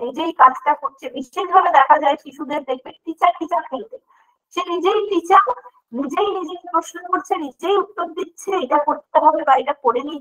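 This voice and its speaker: A woman's voice: very high voice, pushed and bright, low-quality recording. A woman teacher giving an online lecture, explaining step by step and posing questions she answers herself. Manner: explanatory, asks and answers her own questions.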